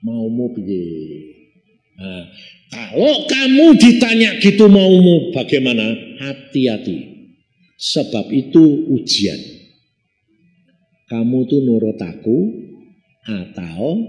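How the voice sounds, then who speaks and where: A man preaching a sermon with a Javanese accent, telling stories with lively back-and-forth dialogue and slipping into Javanese phrases. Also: mid-range voice. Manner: lively storytelling, mixing Javanese into Indonesian and acting out dialogues. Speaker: pastor. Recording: echoey church hall.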